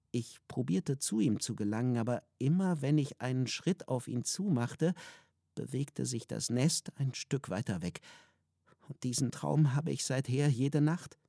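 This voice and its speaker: A man reading a children's story aloud in a calm, even storytelling manner. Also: medium pitch, dry recording, clean studio sound. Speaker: narrator.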